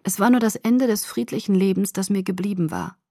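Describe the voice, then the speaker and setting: A woman narrates a novel in the first person, reading with open emotion. Her voice is husky. The recording is dry and close, with no room sound. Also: medium pitch, a little fast, dark tone, no echo. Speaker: audiobook narrator.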